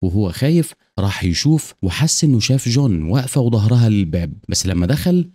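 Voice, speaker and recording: A man with an Egyptian Arabic accent narrates a film recap at a brisk clip. His voice is mellow and warm, and the steady storytelling moves along without pause. The recording is dry and close, with no room sound. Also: fairly low pitch, husky, dry recording. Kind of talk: scripted narration.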